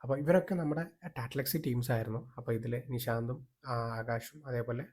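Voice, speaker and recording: A man's voice: mid-range voice, moderate pace, darkish tone. A man with a Malayali accent narrating a casual travel vlog as its host, conversational and mixing English words into his Malayalam, with frequent tag words. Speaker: vlogger, host.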